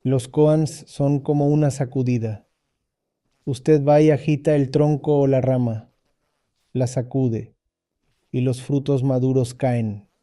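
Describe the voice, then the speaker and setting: A man giving a dubbed spiritual lecture as a teacher, speaking deliberately, repeating key points and checking that listeners follow. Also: medium pitch, fairly even intonation, mellow, dry recording, clean studio sound.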